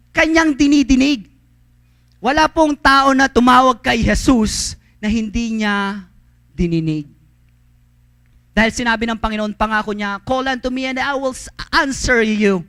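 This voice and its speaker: High, bright-voiced preacher switching Tagalog and English. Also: no echo. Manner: mixes English phrases into Tagalog, swings from loud calls to soft storytelling. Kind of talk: sermon. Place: church service.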